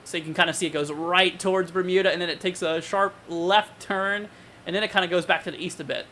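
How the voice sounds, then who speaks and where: A man with a bright, forward voice, pitched a little high, hosts a casual live weather forecast. He talks informally, thinking aloud as he goes, in a conversational way. There is some faint noise behind him. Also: steady tone, quick pace. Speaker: weather livestream host.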